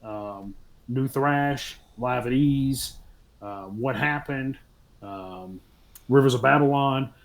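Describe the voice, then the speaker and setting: A man talks loosely and jokes his way through a podcast chat, padding his thoughts with ums and uhs. His voice sits at a middling pitch, neither deep nor high. The delivery stays relaxed and unscripted. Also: takes it slowly. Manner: loose, joking, rambling with many ums. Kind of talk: casual chat.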